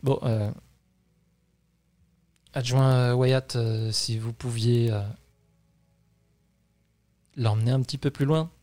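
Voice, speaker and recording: A man voicing a stern senior police officer who talks slowly and formally in a tabletop game. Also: medium pitch, steady tone, warm tone, close to an everyday voice.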